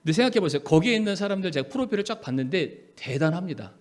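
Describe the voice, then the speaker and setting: A male pastor, preaching a sermon earnestly and often rising and slowing for emphasis. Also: high-pitched, very animated.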